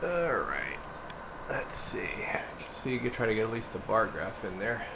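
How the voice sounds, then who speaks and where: This CB radio technician has a lowish voice with vocal fry and speaks a little slowly. He narrates his unscripted demo casually, muttering and thinking out loud while working, and equipment hums steadily through the noisy room.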